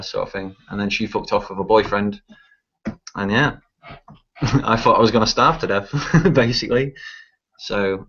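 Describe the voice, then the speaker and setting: A young Mancunian man rambles through a long travel story on a live stream, laughing and swearing freely. The stream audio is muffled and low-fidelity.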